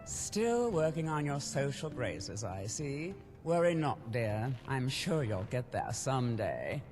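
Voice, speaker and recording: A haughty dark elf woman from a fantasy game, sneering in drawn-out, slow phrases. Her pitch swoops theatrically as she mocks, over clear background music. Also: very animated, heavily acted. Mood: mock sweetness. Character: haughty, mocking female dark elf duelist of insults. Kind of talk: fantasy video game character acting.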